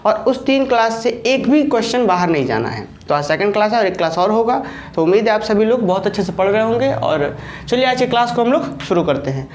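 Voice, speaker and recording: A woman's voice: a little high, a little mellow, slight background noise. A woman maths teacher with a Jharkhand Hindi accent giving an online lecture. She explains step by step and keeps checking that students follow.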